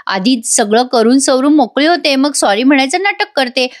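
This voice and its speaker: A woman playing a spiteful older sister with a sharp, taunting tongue, pitched a little high. She scolds and mocks without letting up. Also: expressive, moderate pace.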